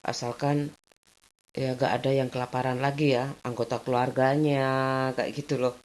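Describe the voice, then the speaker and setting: A middle-aged woman, rambling casually in a daily vlog and laughing softly between thoughts. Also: very deep voice, little pitch movement, normal speed. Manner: rambling, chatty, often tags sentences with a filler phrase. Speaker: vlogger.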